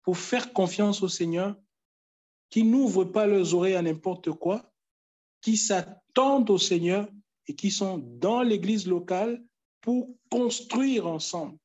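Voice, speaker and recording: High-pitched guy preaching slow, repeating himself for emphasis, pleading with the church. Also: a little mellow. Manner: exhorting, pleading with listeners; repeats phrases with emphatic pauses. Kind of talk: sermon.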